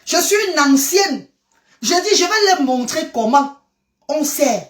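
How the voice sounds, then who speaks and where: A woman chatting in a casual live stream, animated and exclamatory, jumping from one topic to the next. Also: sits high, unhurried. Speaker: social media live streamer. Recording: roomy echo.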